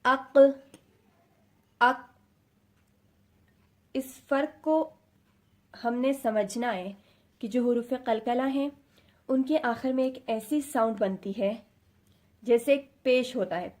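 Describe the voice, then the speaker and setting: Woman, Quran teacher, Pakistani Urdu accent, patient explanations, demonstrates letter sounds, slightly high voice. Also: long pauses, dark tone. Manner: mixes English words into Urdu. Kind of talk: explanatory lesson, addressing students.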